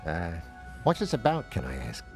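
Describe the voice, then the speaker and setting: Friendly shifty alien in a game, lots of uhs, voice bounces around. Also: male voice, on the low side, huge pitch swings, moderate pace, darkish tone, faint music behind. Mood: chatty. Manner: chatty, hesitant, full of uhs.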